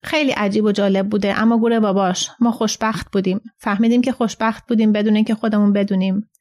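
A woman reading the lines of a calm, measured old man in a storybook reading. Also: medium pitch, lightly acted.

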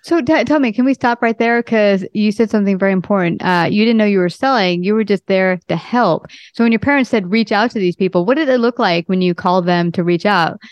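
A woman's voice: medium pitch, brisk, hardly any pauses, no room sound. A woman hosting a podcast, interviewing in a conversational style. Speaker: podcast host.

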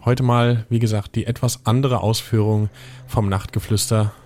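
Male host with a fairly low voice, casual, upbeat and a bit rambling. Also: steady tone, normal speed, a little mellow, slight background noise. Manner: loose, enthusiastic and rambling. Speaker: podcast host. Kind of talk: casual chat.

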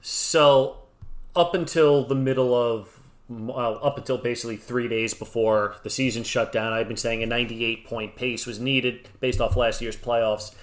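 A mid-pitched man co-hosting a sports podcast, quick to argue and crack jokes. His voice jumps up high when he gets excited, then settles back into plain talk. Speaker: podcast co-host and blogger. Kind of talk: casual sports podcast debate.

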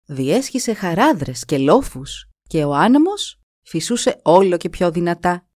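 Woman storyteller, somewhat low, expressive; dry close mic. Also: no room sound. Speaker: narrator.

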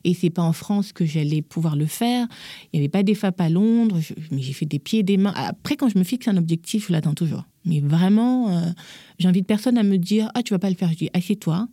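A woman in her thirties, an interview guest, tells her life story in a lively way and acts out what others said. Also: on the low side, brisk, no echo, clean studio sound. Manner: lively, acts out quotes in changed voices. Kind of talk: personal storytelling in conversation.

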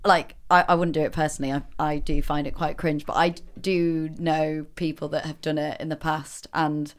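A young woman co-hosts a casual podcast, chatty and quick to react, with the odd small rant. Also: sits low, little pitch movement. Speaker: podcast co-host. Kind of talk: casual chat.

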